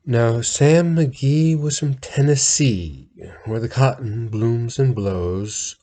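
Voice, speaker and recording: A man reads a narrative ballad aloud in a mellow, relaxed timbre. His pace is slow and deliberate, and his theatrical delivery swells and falls in intensity. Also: medium pitch. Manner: theatrical storytelling with big swells and drops in intensity. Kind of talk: dramatic poetry reading.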